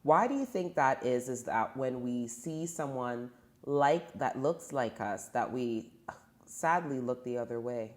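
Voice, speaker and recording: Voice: medium pitch, lively intonation, a little slow, a little mellow. An interview host with a mid-range voice asks long questions in a casual way. The host encourages the guest with short words of support. The delivery stays conversational throughout.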